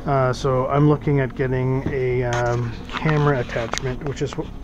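A man's voice: medium pitch, little pitch movement, normal speed, muffled recording, noisy background. A middle-aged man casually unboxing boat gear in a small office, thinking aloud with lots of fillers, recorded on a head-mounted camera. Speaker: boating vlogger.

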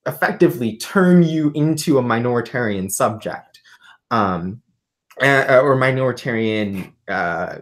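A woman's voice: rumbling low, lively intonation, a little slow. A woman guest on a livestream, explaining ideas thoughtfully with many fillers and restarts. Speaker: guest, artist and philosophy tutor. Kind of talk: livestream conversation.

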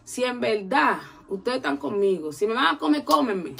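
A woman's voice: a little high, moderate pace, gravelly, a little hiss or hum. A woman telling a long story in a casual interview, acting out the voices of the people in it. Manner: animated, acts out quoted voices.

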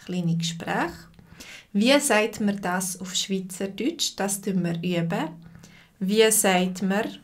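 Swiss woman language teacher, live lesson, slow careful delivery, repeats for learners. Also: mid-range voice. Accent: Swiss German. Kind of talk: live online language lesson, reading chat.

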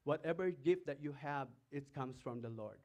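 A man's voice: a little high, moderate pace, darkish tone. A man with a Filipino accent preaching a sermon as pastor, reading scripture aloud and putting emphatic questions to the congregation. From Philippines. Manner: reads scripture passages aloud between remarks.

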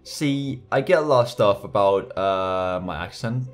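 A young man from Denmark, a YouTuber with a slight Danish accent, reads comments in a casual vlog, tossing in sarcastic, laughing asides and restarting frequently. His lowish voice is expressive and measured in pace. He is indoors in a small bedroom on a USB desk mic, with faint music behind him.

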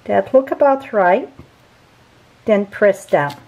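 Slow-talking French-accented woman teaching card-making. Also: mid-range voice, animated, darkish tone, highs cut off. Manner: chatty, unscripted, with small grammar slips and self-corrections. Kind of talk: craft tutorial demonstration. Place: indoors at a craft table.

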